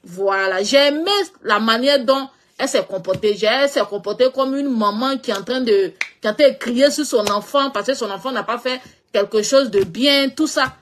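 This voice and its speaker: This woman, a social media personality, has a fairly high voice, a moderate pace, and a West African French accent, with slight noise behind her. Her storytelling monologue is casual and candid, wandering and repetitive, and often fades out in filler.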